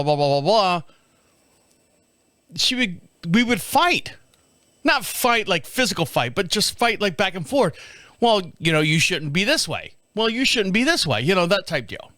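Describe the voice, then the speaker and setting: With a high-pitched, slightly bright voice and no echo, the studio podcast host in his fifties delivers a casual solo monologue, wandering and repeating himself while laughing often.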